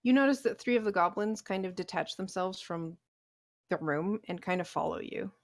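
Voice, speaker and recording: A woman acting as game master, narrating a tabletop game in a halting, conversational way. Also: fairly low pitch, no room sound.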